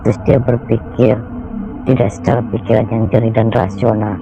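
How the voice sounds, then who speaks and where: Gravelly man preaching earnestly. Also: lowish voice, little pitch movement, moderate pace, music in the background. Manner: earnest, admonishing. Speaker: spiritual healer and preacher. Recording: dull lo-fi recording.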